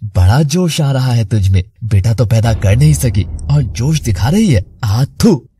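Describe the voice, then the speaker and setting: A cruel drunken husband from an animated drama, spitting scorn at his wife. His voice is dark and mellow, unhurried and heavy. Faint noise sits under the recording. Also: medium pitch. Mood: contemptuous. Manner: sneering, contemptuous, stammers when frightened. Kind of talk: dramatic animated story voice acting.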